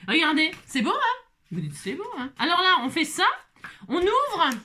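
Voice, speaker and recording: Playful high-voiced woman crafting. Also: very animated, moderate pace, bright, forceful tone. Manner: playful, teasing, chatty, talks straight to viewers. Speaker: papercraft vlogger. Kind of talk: casual crafting tutorial.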